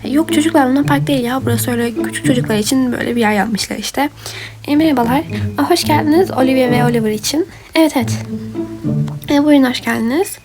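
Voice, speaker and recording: A woman voicing characters in a doll game role-play, lively and chatty, switching between them. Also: high-pitched, quick pace. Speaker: role-play video maker. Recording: background music.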